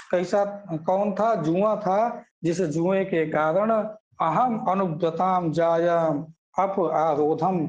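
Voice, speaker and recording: A man's voice: high-pitched, a little mellow, poor audio. A man teaching scripture, chanting Sanskrit verses and then explaining them line by line, asking questions and answering them himself.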